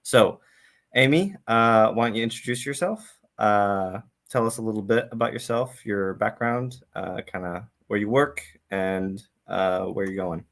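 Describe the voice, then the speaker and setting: A man's voice: on the low side, unhurried, gravelly, a bit bright. A man hosting a casual live-streamed interview, talking in an easygoing way with frequent filler words. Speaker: interview host.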